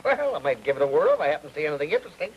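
An actor with a Brooklyn accent playing a cocky young mechanic who talks in brash, teasing wisecracks. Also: male voice, on the high side, sing-song, very fast, muffled recording, a little hiss or hum. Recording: 1940s film soundtrack with faint music.

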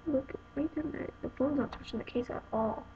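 A woman's voice: sits high, a little fast. A young woman in a casual unboxing review, talking to her viewers in a rambling, exasperated way. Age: young adult. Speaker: vlogger reviewing a phone case. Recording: dull lo-fi home video with noise.

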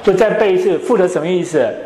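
A man's voice: sits high, warm tone. Echoey male teacher drilling a class. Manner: drills students with quick questions. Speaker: English teacher. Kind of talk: classroom lecture.

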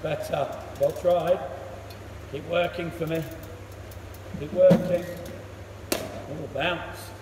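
A man coaching cricket in a big indoor net hall, his high voice picked up from across the room. He gives brisk instructions and quick praise. The hall rings with a long echo, and loud noise sits under everything. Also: steady tone, far from the mic. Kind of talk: one-to-one coaching session. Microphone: camera across the net, far off.

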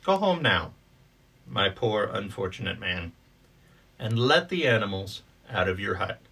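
A man voicing a wise old rabbi who gives calm, firm orders. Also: fairly low pitch, husky, recorded from a distance, pitched below the performer's own voice, heavily acted. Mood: commanding. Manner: measured, commanding.

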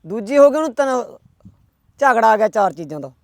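A man spins a folk tale fairly quickly, his high-pitched voice swinging widely in pitch. Chatty and rustic, he keeps tagging each quotation with its speaker, and there's no room sound.

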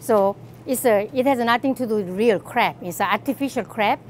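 A woman's voice: a little high, normal speed, a little hiss or hum. Chatty Korean-accented woman shopping. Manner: chatty, enthusiastic, laughs often. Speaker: cooking channel host. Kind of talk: casual shopping walkthrough. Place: large grocery store aisles, indoors.

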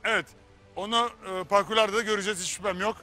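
Bright high-voiced male show host. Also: fairly even intonation, quick pace, soft background music. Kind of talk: hosting a reality show on location.

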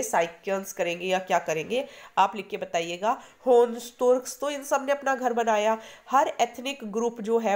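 Higher-pitched Indian woman teaching history. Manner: explains patiently, asks students questions, repeats "ठीक है". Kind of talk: exam-prep lesson in Hindi-English mix.

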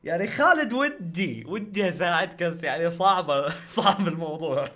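A man's voice: high voice, animated, normal speed, fairly bright tone. A young man, hosting a casual reaction vlog in a playful way and laughing often. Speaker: YouTuber host.

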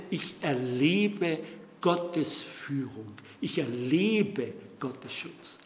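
A man preaching a sermon in a church, emphatic and repeating key words, sometimes halting over verse numbers. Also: fairly high pitch. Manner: halting with fillers and self-corrections when citing verses. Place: church hall. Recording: echoey hall, mic at a distance.

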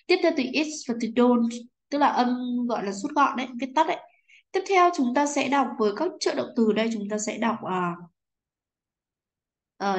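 A woman teacher with a Vietnamese accent and a slightly high voice walks a class through an English textbook exercise. She explains patiently and keeps checking that students follow, often asking "right?"

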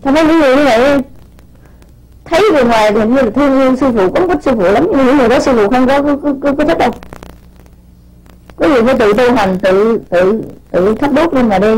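A woman spiritual teacher speaks to her disciples in a high voice. She scolds them in an informal, unscripted sermon, stumbling over repeated words and pressing them with rhetorical questions. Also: a little mellow, rough recording.

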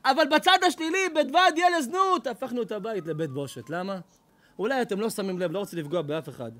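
High, lively rabbi telling stories. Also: male voice. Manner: lively, laughing, exclaiming storyteller. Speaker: rabbi giving a talk. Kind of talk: animated sermon storytelling.

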